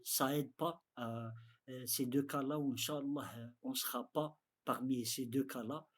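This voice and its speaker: Slow, husky man with Arabic accent. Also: mid-range voice, fairly even intonation. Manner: halting, non-fluent French with repeated phrases. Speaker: interpreter for an Islamic teacher. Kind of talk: religious lesson for beginners.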